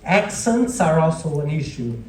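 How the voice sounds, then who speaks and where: This man's voice sits a little high and swings widely in pitch at a measured pace. Speaking with the accent of his native Portuguese, he lectures informally to a classroom audience, often adding quick tag questions. The echoey room, distant microphone, and faint hiss or hum are audible.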